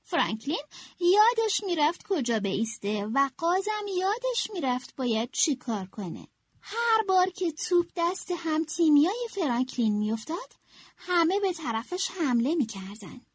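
High, lively woman reading a storybook. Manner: expressive, animated read-aloud. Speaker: narrator.

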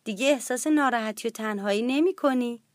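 A kind grandmother, voiced by a woman, comforts her grandchild gently. Her reassuring voice sits high and is recorded close and dry. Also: no room sound, lightly acted.

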